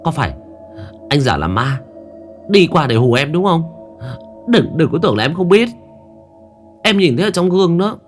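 A man voicing a frightened, indignant young wife, going shrill and stammering when scared. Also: big pitch swings, normal speed, pauses often, soft background music. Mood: accusing.

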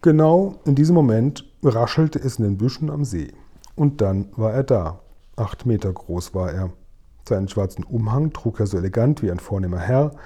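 A man reading a children's book aloud in a measured, expressive storytelling manner. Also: lowish voice.

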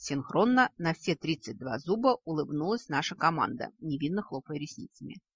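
A woman's voice: deep voice, big pitch swings, normal speed, husky, dry recording. A woman narrating a fantasy audiobook in a wry, ironic manner. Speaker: audiobook reader. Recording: dull, dry lo-fi recording.

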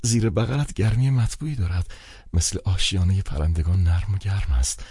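Guy doing a tearful young woman, soft and pleading, dark mellow voice. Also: low-pitched, slightly rough, dry recording, clean studio sound, pitched above the performer's own voice. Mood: tender.

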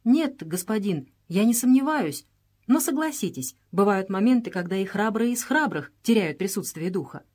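A devoted, fearful young servant speaks with deference and anxious urgency, as a woman reads him. The voice sits at a middling pitch for a woman. It comes from an audiobook. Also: expressive, moderate pace, a little mellow, slightly rough. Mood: deferential. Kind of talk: audiobook character reading.

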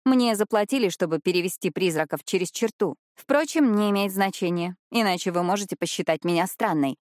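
A woman's voice: mid-range voice, brisk, no room sound, studio quality. Woman reading a first-person audiobook. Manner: lively, expressive dialogue delivery. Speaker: audiobook narrator.

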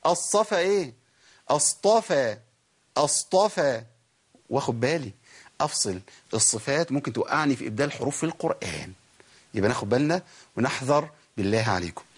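This is a tajweed lesson led by an Egyptian Arabic-accented man whose mid-range voice is animated, quick, and slightly rough. He explains each rule of Quran recitation, questioning himself and supplying the answers.

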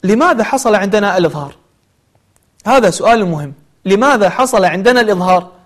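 A man teaching the rules of Quran recitation. He explains each rule and then recites examples slowly, repeating them. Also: high voice, expressive, a bit bright. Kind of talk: tajweed lesson.

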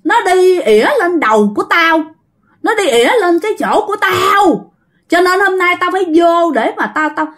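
A woman's voice: extremely high pitch, lively intonation, normal speed, fairly bright tone, pitched above the performer's own voice. A woman voicing the furious ghost of a girl who drowned, ranting scornfully through a possessed old woman.

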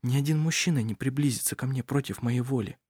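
A strong-willed young daughter speaks low and steady, raised a little above the reader's own pitch, as a man reads her out. Her hushed tone stays calm and firm in a dry, close storybook recording. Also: moderate pace, no echo. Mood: calm resolve.

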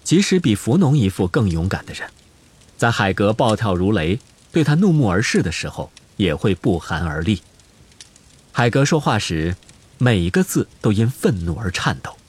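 Expressive low-voiced male narrator. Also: moderate pace, slightly rough. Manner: expressive storytelling. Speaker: audiobook narrator. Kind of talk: scripted narration.

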